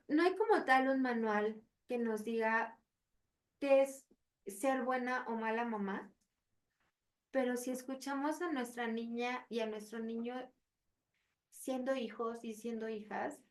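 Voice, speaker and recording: A woman with a Mexican Spanish accent, co-hosting a parenting podcast as a psychologist, telling stories in an animated way with acted quotes. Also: fairly high pitch, unhurried, distant mic. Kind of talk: casual podcast chat.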